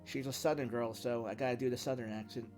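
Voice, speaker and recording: A man's voice: medium pitch, steady tone, quick pace, darkish tone. A man streaming a game playthrough and chatting casually between read lines, over game music. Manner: casual aside. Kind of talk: live game playthrough commentary.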